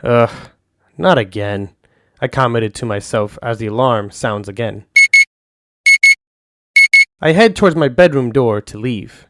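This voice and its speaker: A man narrating a first-person audio story in a calm, soft-spoken way. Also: medium pitch, a little slow, pauses often, heavy background noise.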